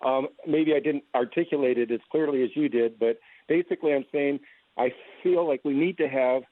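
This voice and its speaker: A man's voice: mid-range voice, no echo. Hesitant male caller on tinny phone line. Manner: measured, hesitant with fillers. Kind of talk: call-in talk. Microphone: telephone.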